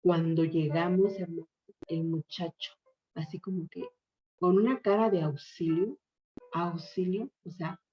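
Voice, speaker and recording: A woman's voice: on the low side, measured pace. A middle-aged woman pastor telling an emotional testimony in a sermon, earnest and heartfelt. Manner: earnest, emotional storytelling with acted quotes. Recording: muffled lo-fi church recording.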